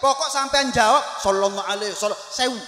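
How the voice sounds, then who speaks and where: A man preaching a religious sermon, telling stories with animated voices for the people in them. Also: very high-pitched, fast. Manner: animated storytelling, acts out shouted calls. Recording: echoey hall with long reverb.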